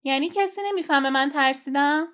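A woman voicing a small, anxious young boy turtle in a children's storybook, speaking softly and hesitantly. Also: high-pitched. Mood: timid.

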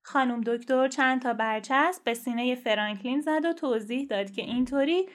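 A woman reading a children's storybook aloud in a steady, clear and gentle manner. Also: sits high.

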